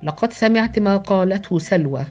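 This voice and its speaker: A woman voicing a firm, measured male team leader in an audio novel. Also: mid-range voice, animated, darkish tone, natural voice. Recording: dull lo-fi with background music.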